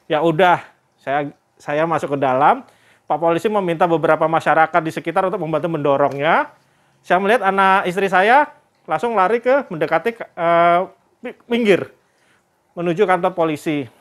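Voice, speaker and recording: Casual male vlogger, chatty storyteller, voice sits a bit high. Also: normal speed, fairly bright tone. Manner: chatty, addresses viewers as "Kak"; religious greetings and expressions.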